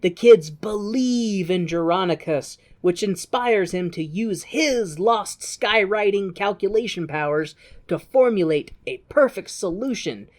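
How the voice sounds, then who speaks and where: Co-hosting a podcast, a woman recaps a movie with comedic flair, tossing in playful, wry asides and partly reading from notes. Her medium-pitched voice is animated yet a little slow, with a darkish tone.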